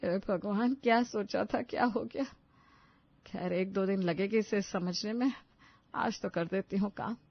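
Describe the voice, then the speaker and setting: A woman voicing a loud, bossy older mother-in-law who scolds in shrill outbursts, on a dull, dry recording. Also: measured pace, vocal fry, dry recording. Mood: dejected.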